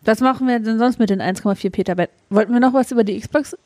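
Female podcast co-host, fairly high voice, teasing conversational delivery, recorded dry. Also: fast, darkish tone, dry recording. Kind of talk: casual banter.

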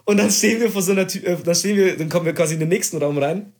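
A young man in casual chat, telling a story with excitement, slang and swearing. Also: high voice, very fast.

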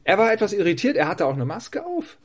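Husky, animated younger brother telling stories. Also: male voice, high voice, fast. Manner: animated storyteller, laughs while telling jokes. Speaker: podcast co-host. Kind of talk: casual chat.

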